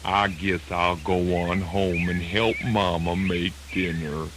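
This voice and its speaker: An actor playing a sly, easygoing terrapin in a children's radio play, drawling folksily. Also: male voice, sits low, steady tone, takes it slowly, background noise. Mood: amused. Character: sly, easygoing young male terrapin of folktale. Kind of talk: children's radio theatre dramatization.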